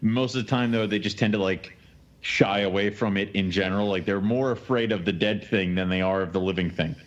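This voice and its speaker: A man's voice: on the low side, steady tone, a little fast, highs cut off. A man hosting a podcast, chatting casually and informally in colloquial language. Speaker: podcast host.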